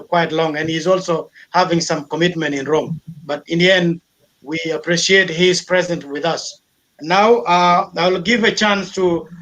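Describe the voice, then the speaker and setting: A man with a notably high voice hosts an online gathering. He introduces guests formally, pausing with fillers as he goes. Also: fairly bright tone, a little hiss or hum. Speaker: event host. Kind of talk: introducing speakers.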